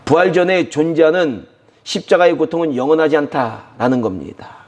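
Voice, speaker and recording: A middle-aged male pastor delivering a Sunday sermon with a fairly high voice. He is emphatic, repeats his key phrases and answers the questions he puts to the congregation. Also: normal speed.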